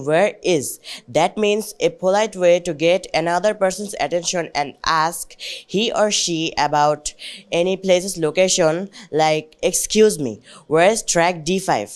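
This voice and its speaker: A woman student gives a very slow summary of a lesson. Her voice is smooth and fairly low, and she keeps to careful, simple English. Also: darkish tone.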